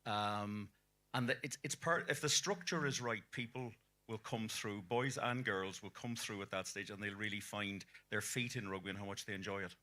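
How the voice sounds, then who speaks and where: A man hosts a live sports interview. His voice sits a little low and has a bright, forceful tone. He speaks like a commentator putting questions to his guests. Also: normal speed. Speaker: interview host and rugby commentator.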